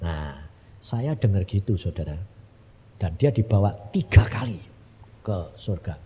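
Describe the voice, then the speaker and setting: A male evangelist with a Javanese accent telling a story in a sermon, animated and emotional, acting out the dialogue. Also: deep voice, measured pace. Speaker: evangelist preacher. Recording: dull echoing hall sound.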